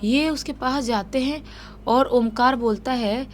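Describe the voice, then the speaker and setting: A woman's voice: sits high, measured pace, a little hiss or hum. A woman narrating a horror story in a loose, conversational way, often repeating herself. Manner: loose, repetitive spoken retelling.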